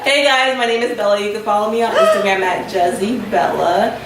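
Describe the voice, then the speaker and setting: A woman's voice: medium pitch, brisk. A young adult woman speaking playfully and with jokes in a casual group chat. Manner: joking and playful. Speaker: guest. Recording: echoey room with loud noise from a distant mic.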